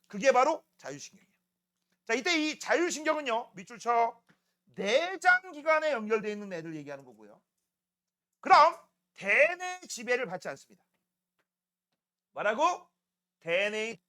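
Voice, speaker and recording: A man's voice: very high-pitched, sing-song, normal speed, long pauses, pushed and bright. A man teaching a middle school science class, joking and teasing students and constantly asking if they follow. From South Korea.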